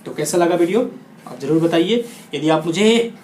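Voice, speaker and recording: Male teacher from India, lively question-and-answer delivery, roomy echo. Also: on the high side, normal speed, a little hiss or hum. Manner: lively, asks and answers his own questions. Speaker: English teacher. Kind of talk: spoken-English lesson in Hindi. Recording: echoey room.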